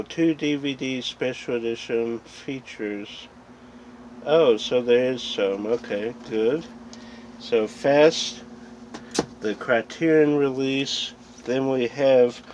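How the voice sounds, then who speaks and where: Hosting a video channel about film collecting, a man rambles through a casual, unscripted vlog, thinking aloud as he looks over items. His voice is medium-pitched and a little mellow, and the lo-fi recording sounds dull, with background noise.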